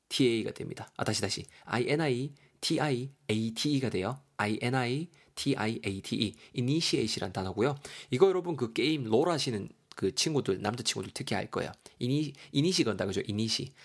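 Male language teacher with a husky voice, casual and talkative, walks through words letter by letter. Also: medium pitch. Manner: chatty, spells words letter by letter, reads example lines in English. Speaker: English vocabulary teacher. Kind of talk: casual vocabulary lesson.

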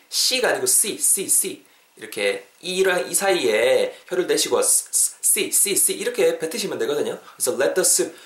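A man hosting an English lesson podcast in a casual, lively way, repeating phrases slowly for listeners to copy. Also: mid-range voice. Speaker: English teacher and podcast host. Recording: echoey room.

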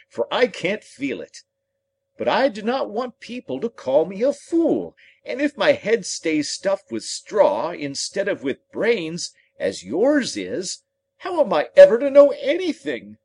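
A man voicing a friendly, brainless straw-stuffed scarecrow from a storybook, with a husky voice and a polite, earnest manner. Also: huge pitch swings, measured pace, darkish tone, heavily acted. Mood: confiding, earnest. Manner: polite, earnest, wide swoops in pitch. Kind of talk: storybook character voice.

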